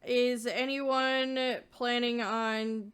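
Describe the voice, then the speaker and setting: A young woman runs a tabletop game with a smooth, clear voice that sits a little high. She narrates in a calm, steady storytelling manner, checking in with each player in turn. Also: drawn-out words. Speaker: dungeon master.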